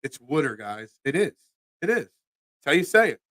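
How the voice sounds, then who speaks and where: Hosting a sports talk show alone, a man in his forties with a Philadelphia accent reads chat, rambling with stammered restarts and chatty asides to his viewers. His slightly high voice is sing-song and fairly bright, at a moderate pace, with no echo.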